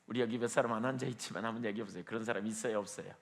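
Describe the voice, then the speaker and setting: Emphatic pastor preaching in a reverberant church. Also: male voice, lowish voice, fairly even intonation, racing. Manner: emphatic, asks the listeners rhetorical questions. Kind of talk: sermon. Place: church, evening prayer meeting with a small audience.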